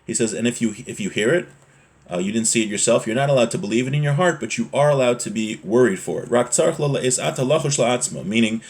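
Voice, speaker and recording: A man gives an informal religious lesson as a teacher, reading from a text and explaining it point by point while asking rhetorical questions to check understanding. His medium-pitched voice is animated and fast.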